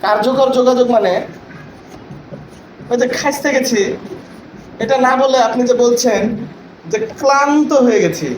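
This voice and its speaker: A man's voice: very high-pitched, normal speed, long pauses. A man training teachers in a classroom lecture, explaining with examples and often checking that the listeners understand. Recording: echoey room from far off, noisy.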